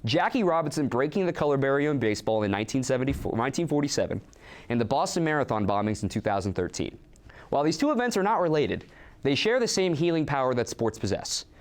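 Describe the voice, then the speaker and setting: A young man co-anchoring a student sports show, reading scripted stories and trading playful banter. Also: mid-range voice. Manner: lively, animated delivery with playful ribbing.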